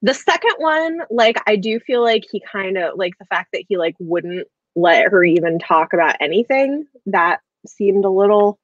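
In her thirties, this woman hosts a casual book chat over a video call from a small room at home, using earbuds. Her mid-range voice is expressive and moves at normal speed with few pauses, though her talk is hesitant and rambling, full of "like." The video-call audio sounds dull but has no echo.

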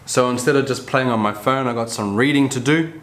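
In a small, bare barbershop room, a man in his 30s chats casually to his camera for his barber vlog, slangy and easygoing, tending to repeat phrases. His voice is medium-pitched, a little fast and a bit bright; the camera mic sits nearby or at arm's length, catching room ambience and clear background noise.

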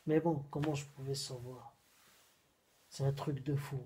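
A man in his thirties talks through a casual vlog with a husky, breathy edge to his voice. He rambles in slang and circles back to the same phrases. The sound is a phone mic held close. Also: medium pitch, steady tone, unhurried, mellow. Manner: rambling, repeats himself, slangy. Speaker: vlogger. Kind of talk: casual food-review vlog. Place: small room at home, then a busy fast-food restaurant. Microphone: phone camera at arm's length, then propped on a table.

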